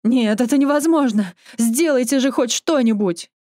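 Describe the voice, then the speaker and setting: A woman's voice: medium pitch, steady tone, normal speed, a little mellow, no room sound, studio quality, close to an everyday voice. A woman reading the part of a distraught middle-aged man who pleads and sobs over his injured wife. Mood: anguished. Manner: pleading, sobbing outbursts.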